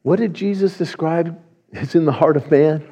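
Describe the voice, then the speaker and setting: A man preaching a sermon, reading scripture slowly and deliberately. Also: fairly high pitch, vocal fry, dark tone, slightly rough, long reverb tail. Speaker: pastor.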